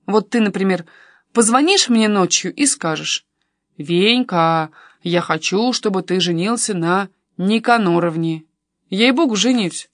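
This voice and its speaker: A woman's voice: mid-range voice, measured pace, dry recording, clean studio sound, natural voice. A woman reading an audiobook and voicing a pushy young man who keeps coaxing and persuading his cousin. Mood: pleading.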